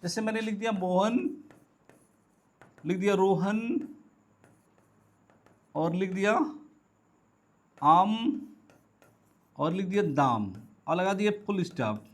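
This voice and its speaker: A man's voice: high voice, unhurried, pauses often. A man teaching a grammar lesson to students in a classroom lecture, who asks and answers his own questions and repeats the key words. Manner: calls students "beta". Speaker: English teacher.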